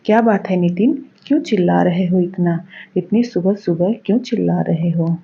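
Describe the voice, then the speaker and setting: Cartoon role: woman voicing an older mother-in-law, husky and slow. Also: lowish voice, fairly even intonation, full character voice. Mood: stern. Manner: commanding, emphatic. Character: older mother-in-law, stern then tender. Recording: dull lo-fi recording.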